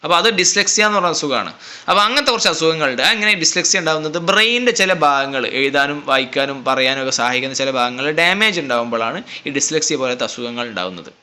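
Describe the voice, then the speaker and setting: A man tutoring students, asking questions and answering them himself, and reading out lines slowly before he explains them. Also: a little high, expressive, sharp tone. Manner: reads English lines slowly then explains. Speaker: English tutor. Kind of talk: lecture to students.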